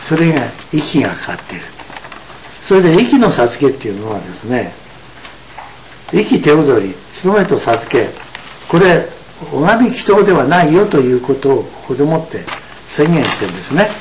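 Male religious lecturer, animated intonation, emphatic and explanatory, faint room hum. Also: on the high side, highs cut off. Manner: emphatic, with frequent drawn-out asides. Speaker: religious teacher.

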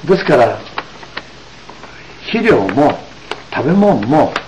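Male religious lecturer, animated intonation, emphatic and explanatory, faint room hum. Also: fairly high pitch, rough recording. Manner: emphatic, with frequent drawn-out asides. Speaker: religious teacher.

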